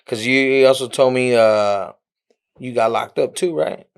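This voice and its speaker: A man hosting a podcast, asking short, relaxed questions. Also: mid-range voice, measured pace, creaky, clean tone. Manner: short laid-back questions, frequent murmured "mm-hmm". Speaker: podcast host. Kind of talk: casual podcast interview.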